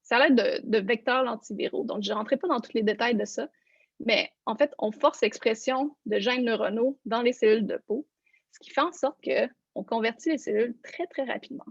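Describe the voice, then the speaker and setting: Gravelly woman presenting slides. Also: fairly high pitch, a little fast, dry recording. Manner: explanatory, walks listeners through slides. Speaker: neuroscience researcher giving a lecture. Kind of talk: online lecture presentation. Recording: dull, lo-fi online conference audio.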